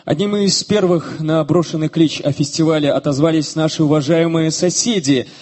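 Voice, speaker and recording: A man's voice: a little high, moderate pace, darkish tone. A man hosting a festival on stage, making scripted, ceremonial announcements. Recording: long hall reverb over stage sound system.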